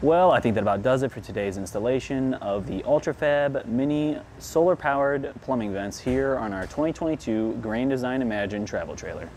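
Fairly quick and with few pauses, this man in his thirties gives a casual how-to demonstration as a product installation presenter, working by hand on a large indoor workshop floor. His medium-pitched voice is a little mellow with lively intonation, and a little hiss or hum is audible.

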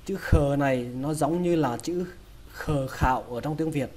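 A man with a Vietnamese accent runs a slow pronunciation lesson, splitting English words into their sounds and saying each one again and again. His voice sits a little high, with a mellow, soft tone. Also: a little hiss or hum. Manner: repeats each word slowly, breaking it into sounds.

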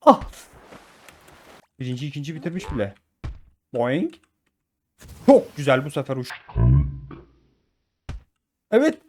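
Fairly high-pitched and unhurried, with long pauses, a man gives eager live commentary on a game for his YouTube channel. He addresses viewers as friends and repeats words in sudden spurts, and a faint hiss or hum is audible.

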